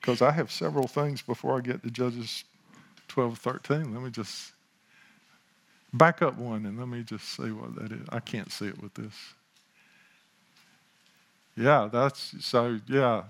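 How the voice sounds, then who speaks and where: A man, praying and then preaching informally, with chuckling asides and restarts. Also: medium pitch. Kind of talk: sermon with opening prayer.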